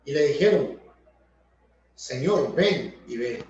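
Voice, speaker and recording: A man's voice: mid-range voice, lively intonation, slow pace, darkish tone, a little hiss or hum. A man preaching a Bible study sermon, explaining verses patiently and restating each point in several ways. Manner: explanatory, repeats and rephrases points. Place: church hall. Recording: echoey, distant, dull church recording.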